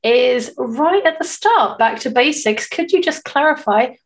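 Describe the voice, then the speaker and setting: A woman co-hosts a podcast with casual, conversational delivery. Her voice is fairly high. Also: animated, a little slow. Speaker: podcast co-host. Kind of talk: casual chat.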